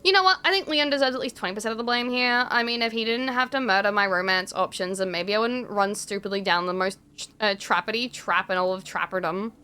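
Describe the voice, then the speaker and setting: A young woman streaming a game, reading the visual novel text aloud with animated, expressive delivery and frequent swearing. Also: mid-range voice, brisk, clear, resonant tone.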